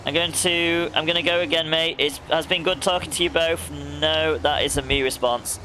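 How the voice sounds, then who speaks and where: This young man's voice is a little high and sharp, holding a steady tone at a moderate pace, with slight background noise behind it. He streams a racing game, chatting casually, laughing frequently and naming his viewers.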